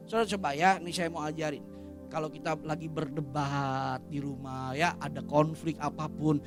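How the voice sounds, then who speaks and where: A man preaches with a casual lilt, cracking jokes and calling on the congregation to repeat his words back. His delivery is energetic and animated. Faint music plays behind him in a church service. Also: high voice. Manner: energetic, jokes and leads call-and-response with congregation. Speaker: pastor. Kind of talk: lively humorous sermon.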